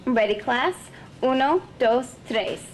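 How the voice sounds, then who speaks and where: A woman voicing a lively, proud schoolteacher with a sing-song way of talking. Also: slow pace, a little hiss or hum. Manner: sing-song, turning low and rough when angry.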